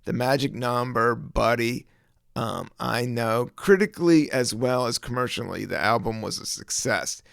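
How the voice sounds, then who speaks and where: In a casual solo podcast, a Southern American host rambles in a laid-back manner, laughing, singing snippets, and using many fillers. He speaks unhurriedly in a mid-range, slightly bright voice with vocal fry. There's no room sound, and the studio audio is clean.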